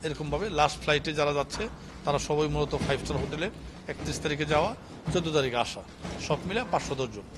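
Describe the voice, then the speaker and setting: A man's voice: fairly high pitch, steady tone, fast, noisy background. A man with a Bangladeshi Bengali accent, a travel agency owner, explaining arrangements in an earnest, methodical news interview statement. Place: workshop venue, indoors.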